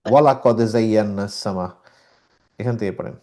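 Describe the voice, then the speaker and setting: A man teaching a Quran reading class online, who corrects his students and patiently explains the rules step by step, slowing down to demonstrate the recitation. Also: on the low side, darkish tone.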